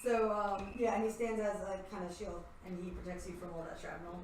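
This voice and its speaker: A woman's voice: medium pitch, steady tone, brisk, a little mellow, slight background noise. A young woman narrating a tabletop game as game master, casual and laughing, swearing freely. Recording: echoey room, mic at a distance.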